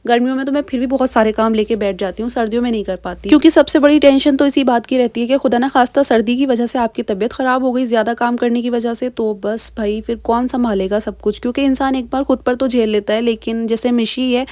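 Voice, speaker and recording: A young woman chatting quickly through a casual home vlog voice-over, talking straight to her viewers. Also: on the high side, fairly even intonation, warm tone, no room sound. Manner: chatty, fast, asks viewers directly. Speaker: vlogger.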